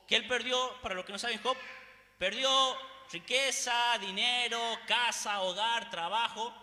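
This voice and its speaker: A man's voice: extremely high pitch, pushed and bright. A man preaching a sermon, passionate and firing off one rhetorical question after another. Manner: impassioned, piling up rhetorical questions. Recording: echoey hall with long reverb.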